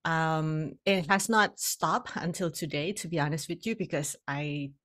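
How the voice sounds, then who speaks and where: A woman's voice: deep voice, measured pace, fairly bright tone. A middle-aged woman from Indonesia, telling her story as a podcast guest over a video call, candid and often laughing between phrases. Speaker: guest, hypnotherapist and coach. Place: home room, indoors. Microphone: podcast microphone on video call.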